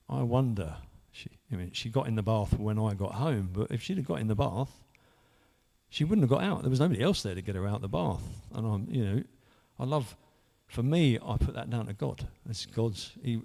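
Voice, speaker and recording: A gravelly, warm voice with a fairly low pitch belongs to a church member in his 50s. He earnestly shares his testimony, telling his story in a rambling way with frequent restarts.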